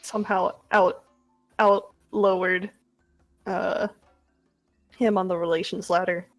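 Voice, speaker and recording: A woman's voice: fairly low pitch, little pitch movement, takes it slowly, faint music behind. Wry-voiced woman player. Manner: dry, wry remarks. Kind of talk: casual tabletop play.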